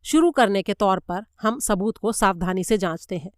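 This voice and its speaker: A cool-headed male detective, as a woman narrator puts him on, lays out his reasoning step by step. His delivery is measured and even. The voice is smooth, close and dry. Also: medium pitch, no room sound, lightly acted. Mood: methodical. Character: Hercule Poirot, calm methodical male detective.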